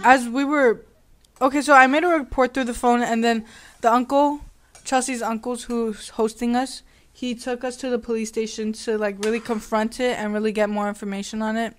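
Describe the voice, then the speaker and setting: Young woman vlogger, lively laughing storyteller, slightly high voice. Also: normal speed. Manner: animated, laughing, sassy retelling. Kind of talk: casual storytelling chat.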